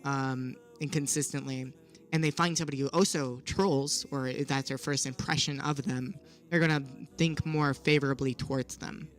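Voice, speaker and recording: A mid-pitched speaker talks in a measured, thoughtful way, hedging and posing questions to guide the conversation. Soft music sits faintly in the background. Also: steady tone. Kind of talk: casual discussion.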